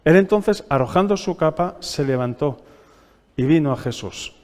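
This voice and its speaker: A man's voice: fairly high pitch, expressive, moderate pace, a little mellow. A man with a Spanish accent preaching a sermon, reading scripture aloud and quizzing the congregation with questions. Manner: teaching by asking the congregation questions; reads scripture aloud, raising his voice for quoted pleas. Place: church hall. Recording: long church-hall reverb.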